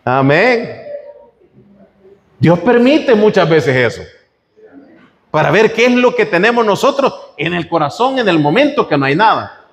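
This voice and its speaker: Male preacher, a bit high-pitched, very lively delivery, church hall with long reverb; asks the congregation questions. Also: unhurried, long pauses. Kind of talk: sermon.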